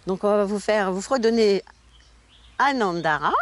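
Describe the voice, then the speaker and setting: A woman reading a poem aloud slowly, leading a duet reading and coaching her partner to speak up. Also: mid-range voice, animated, heavy background noise. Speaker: poetry reader.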